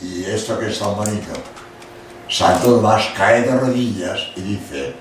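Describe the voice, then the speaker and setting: An older priest from Spain gives a religious lecture in a fairly low voice at a measured pace, animated, acting out quotes and adding emphatic asides. He's recorded from far off in an echoey hall, with faint noise.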